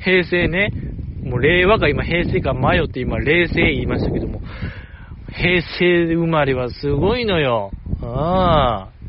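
Upbeat man chatting solo, slightly high voice. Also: dull audio, noisy background. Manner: enthusiastic rambling fan commentary, soft self-deprecating jokes. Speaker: podcast host. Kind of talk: casual solo podcast chat.

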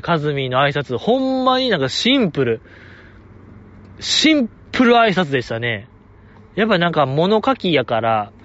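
A man with a Kansai accent talks on his own podcast in a fairly high, bouncy voice that swings all over the place. He gushes like an eager fan and slips in little chuckles. The sound is dull and lo-fi. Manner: excitable fan gushing, chuckles often. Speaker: podcast host. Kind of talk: casual solo podcast chat. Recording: dull lo-fi audio.

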